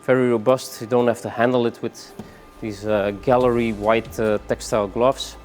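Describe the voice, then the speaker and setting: A man giving a rushed product demonstration, moving between samples with many fillers and saying he is out of breath. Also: medium pitch, level tone, darkish tone, faint music behind. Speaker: product presenter.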